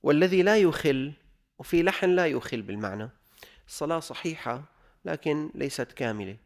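A man teaching religious law, reading the text and then explaining it in colloquial speech, repeating examples slowly. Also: fairly high pitch, lively intonation.

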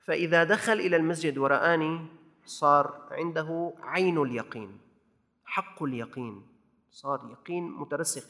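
A man's voice: fairly high pitch, normal speed, sharp tone, big-room sound. A man with a Levantine Arabic accent preaching a sermon in a mosque, exhorting and repeating phrases for emphasis.

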